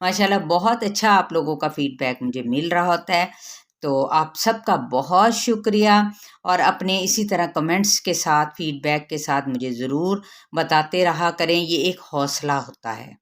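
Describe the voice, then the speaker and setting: A woman with a Pakistani Urdu accent teaches Quran recitation rules in a patient, methodical way. Her voice sits a little low, and she stretches the Arabic words slowly to demonstrate them. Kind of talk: tajweed lesson, explaining rules then reciting slowly.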